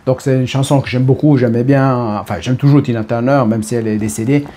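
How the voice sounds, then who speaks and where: Middle-aged italian-accented guy, mellow warm voice, chatty and halting, keeps restarting. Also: mid-range voice, fairly even intonation, a little hiss or hum. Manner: hesitant, restarts phrases, speaks to the listener as tu. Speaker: personal development speaker. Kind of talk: casual talk to camera.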